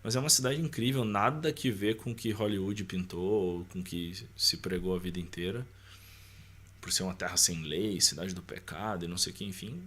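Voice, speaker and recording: A man in his thirties, Brazilian-accented, recounts personal stories as a podcast guest in a relaxed, slangy, colloquial way, frequently seeking agreement through short tags. His low voice has a sharp tone and moves a little fast.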